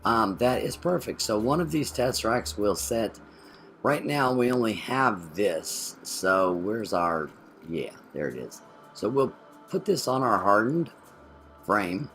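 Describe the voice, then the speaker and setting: Faint music plays behind a man whose low, fairly bright voice is very animated yet slow-paced. Co-hosting a gameplay video, he talks through his moves casually and revises what he says partway through sentences.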